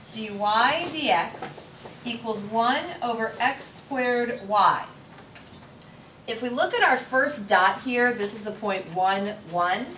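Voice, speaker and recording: Her voice on the high side and a bit bright, a math teacher explains problems step by step at a whiteboard and quizzes the class. The recording comes from a far camera, so the classroom sounds echoey, with faint noise.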